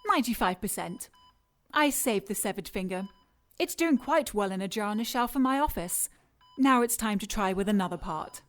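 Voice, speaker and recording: In a radio drama, an actress voices a condescending scientist villain, speaking to her captive in a clinical, taunting, unhurried way. Her natural voice sits at medium pitch with lively intonation, and the mood is coolly menacing.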